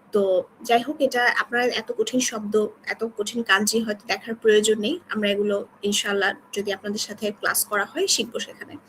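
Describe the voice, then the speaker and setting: A woman's voice: on the high side, fairly bright tone, a little hiss or hum, low-quality recording. A woman from Bangladesh teaching beginner Japanese, explaining patiently and checking in often with her students. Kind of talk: online beginner class explanation.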